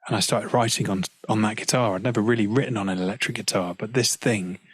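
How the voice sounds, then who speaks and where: A relaxed British man speaks as an interview guest, his voice a little low and husky. He talks casually, with plenty of "you know" and easy laughs. The sound is close and dry, with no room around it. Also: fast talker, no room sound. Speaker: guest singer-songwriter. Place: at home practicing, on a call.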